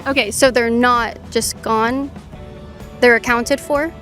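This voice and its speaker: A woman's voice: a little high, fairly even intonation, slow, fairly bright tone, faint music behind. A woman conducting on-the-street political interviews, asking pointed, challenging questions.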